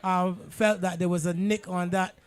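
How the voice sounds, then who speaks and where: A man with a Bajan accent giving live cricket commentary in a measured, explanatory way. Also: high-pitched, level tone, clear, resonant tone.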